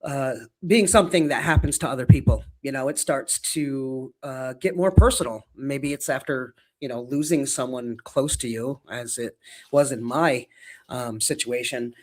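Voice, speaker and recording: A man in his fifties co-hosting a casual podcast, speaking reflectively and often pausing on "um" and "you know". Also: mid-range voice. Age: 50s. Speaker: podcast co-host.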